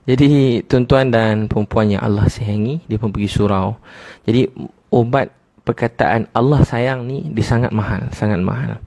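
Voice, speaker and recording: A middle-aged man with a Malaysian Malay accent preaching a humorous sermon to a congregation. He tells stories animatedly and slowly chants some phrases in a sung tone. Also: medium pitch, creaky, darkish tone, dry recording.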